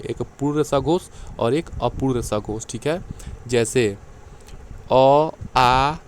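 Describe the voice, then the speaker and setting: A man teaching an exam-prep lecture, moving through questions briskly and stopping to check in with his students. His pitch sits in the middle range for a man. Faint street and traffic noise sits behind him. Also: a little mellow. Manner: brisk, repeats "ठीक है" and "देखिए", recites letter lists.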